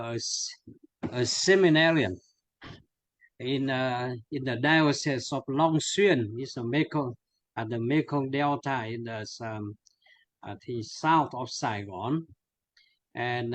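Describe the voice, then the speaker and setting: A man in his sixties with a Vietnamese accent, speaking as a priest guest in an earnest, halting interview, often pausing to search for words. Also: medium pitch, dry recording. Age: 60s. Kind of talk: conversational interview.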